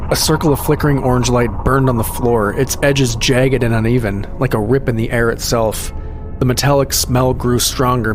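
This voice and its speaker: Man narrating a scary story over music. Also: medium pitch. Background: music under the voice.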